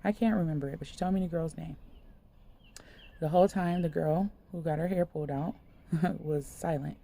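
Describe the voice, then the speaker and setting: A woman's voice: sits low, moderate pace, gravelly, dark tone. A woman minister giving a casual spoken sermon, retelling a dream in a loose, conversational way full of fillers.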